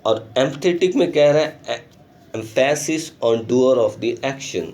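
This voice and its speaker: A male school teacher giving a recorded online grammar lesson, explaining patiently and mixing English terms into his explanations, often pausing to check in with the class. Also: medium pitch, a little mellow. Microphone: screen recording.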